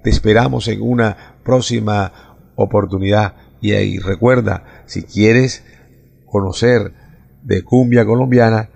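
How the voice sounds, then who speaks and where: Male radio host, gravelly low voice, measured scripted delivery with small hesitations. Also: fairly even intonation, a little mellow. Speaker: radio music show host.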